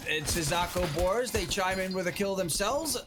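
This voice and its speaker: A man giving excitable live play-by-play esports commentary on a shooter match, building in intensity at key moments. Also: high-pitched, normal speed. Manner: excitable, rising to shouts at key plays. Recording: clear background noise, clicks.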